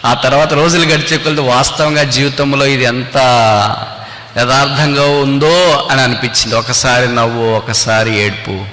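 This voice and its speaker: Man, preacher, sermon, bright ringing voice, rhetorical questions, scripture quotes, echoey hall. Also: medium pitch, fairly even intonation, normal speed. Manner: exhorting, rhetorical questions, quotes scripture and shifts into English phrases.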